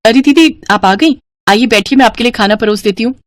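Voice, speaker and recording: A woman voicing a meek, gentle young daughter-in-law in an animated storybook, speaking softly and pleadingly. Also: on the high side, brisk, slight background noise, lightly acted. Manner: soft, pleading.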